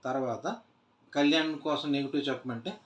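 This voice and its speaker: In an echoey room, a TV show reviewer with a slightly high voice casually recaps a reality show episode at normal speed, loosely retelling scenes with many "aa" fillers and restarts. The recording sounds lo-fi.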